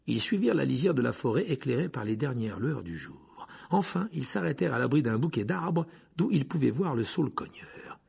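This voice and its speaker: A man's voice: mid-range voice, sing-song, fairly quick, creaky, darkish tone, husky. A man narrating a storybook expressively, voicing each character in turn. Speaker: audiobook narrator.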